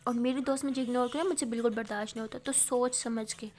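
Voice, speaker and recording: A woman's voice: a little high, steady tone, fast talker, a little mellow, slight background noise, close to an everyday voice. A woman voicing a bold young college woman who talks bluntly and teases. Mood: firm. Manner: teasing, blunt.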